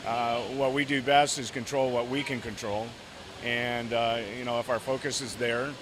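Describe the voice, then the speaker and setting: Brief: middle-aged man, swim coach, hesitant with fillers, interview with clear background noise. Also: mid-range voice, level tone, normal speed. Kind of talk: interview sound bite.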